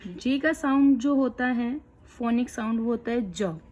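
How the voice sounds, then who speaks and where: A woman teaching young children letter sounds, explaining each one slowly and clearly. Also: fairly high pitch, a little mellow, muffled recording. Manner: slow, clear, patient explaining. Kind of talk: kids' phonics lesson.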